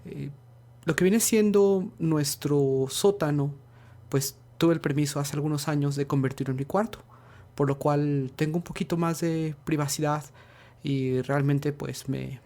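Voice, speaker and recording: A man hosting a podcast, reading a story aloud in a steady manner. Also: a little high, a little slow. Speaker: podcast host.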